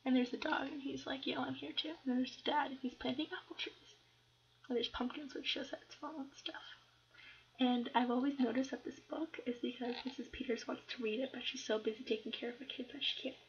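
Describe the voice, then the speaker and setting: Giggly high-voiced woman reading a storybook. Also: steady tone, fairly quick, dull audio, slight background noise. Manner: giggly, casual, drops to whispered side comments. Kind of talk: reading a picture book aloud with chatty asides. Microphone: webcam at a desk.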